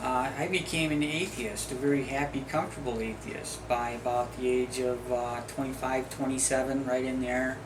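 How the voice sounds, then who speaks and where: A man's voice: medium pitch, normal speed, few pauses. Man, middle-aged, from the US, video host, casual rambling talk, wandering jokey asides, noisy background hiss. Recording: steady background noise.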